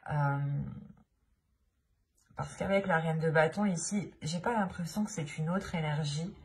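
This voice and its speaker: A woman with a deep voice and a French accent reads tarot to camera, stumbling through fillers and restarts while looking for her words. A little hiss or hum sits under the audio.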